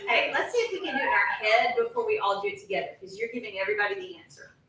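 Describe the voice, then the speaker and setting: High bright teacher in an echoey classroom. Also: female voice, very animated, very fast, recorded from a distance, a little hiss or hum. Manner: playful, coaxing with children. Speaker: music teacher.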